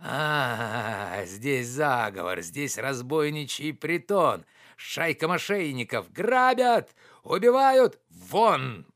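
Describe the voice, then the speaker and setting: A man reading an audiobook, voicing a loud, boorish, quarrelsome middle-aged man who shouts and blusters. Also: mid-range voice, animated, takes it slowly. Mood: outraged.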